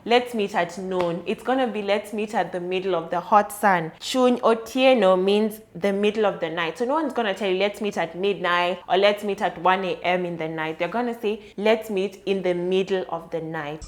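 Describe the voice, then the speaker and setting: A woman hosts a solo podcast, reflectively working through an idea in a thoughtful, explanatory, conversational manner. She speaks at medium pitch and normal speed, barely pausing.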